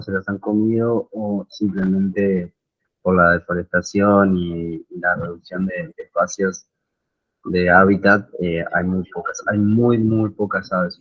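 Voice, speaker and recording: A fairly low-voiced man answers questions on a video call and keeps pausing to search for his words. The audio sounds dull and muffled. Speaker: guest landscape designer. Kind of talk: online Q&A answer.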